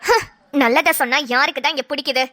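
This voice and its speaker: A woman's voice: high-pitched, quick pace, pushed and bright, no room sound, studio quality. A woman voicing a practical sister-in-law in a cartoon who nags and scolds in exasperation. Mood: exasperated. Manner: nagging, exasperated. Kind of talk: cartoon voice acting.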